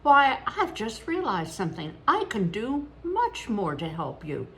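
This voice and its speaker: A cheeky, irrepressible storybook boy who talks eagerly and boasts with quick wit, as a grandmother puts him on. His voice rides well above her plain reading pitch and comes out louder and brighter. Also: wildly swooping pitch, slight background noise, full character voice.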